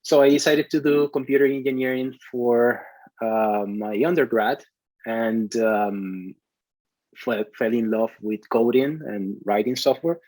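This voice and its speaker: A man who grew up in Venezuela talks through his career in an interview, often pausing on fillers and repeating words. His voice sits at a middle pitch. The recording is dry, with no room echo. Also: darkish tone. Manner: hesitant, many restarts and fillers. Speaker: CTO, interview guest. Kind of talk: conversational interview.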